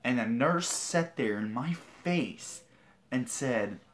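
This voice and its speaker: A man's voice: medium pitch, expressive, slow pace. A teenage guy on a livestream, telling a story in a rambling, indignant way with many restarts. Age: teens. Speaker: vlogger.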